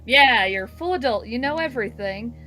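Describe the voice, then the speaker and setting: A woman's voice: on the high side, expressive, fairly quick, sharp tone, faint music behind. A woman playing a tabletop game, blunt and teasing, swearing freely in character.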